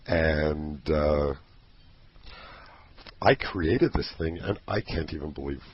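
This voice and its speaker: A man's voice: very deep voice, slow, a little hiss or hum. A man promoting a program he created, talking in an earnest, passionate way with many restarts. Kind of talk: casual promotional chat. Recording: dull lo-fi recording.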